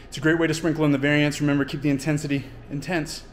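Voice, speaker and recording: Talking very fast in a fairly high, flat voice, a fitness coach explains his training casually between efforts, catching his breath and using fillers. The vlog moves between his home gym and the winter outdoors, with a little hiss or hum on the recording.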